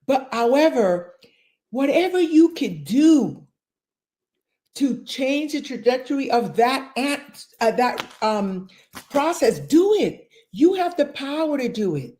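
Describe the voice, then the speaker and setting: A woman in her sixties talks as a guest about coaching people toward better health. She speaks emphatically and repeats key phrases for effect. Her voice sits somewhat high for a woman. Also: sing-song, slow, dark tone. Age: 60s. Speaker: fitness and nutrition coach. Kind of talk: interview guest.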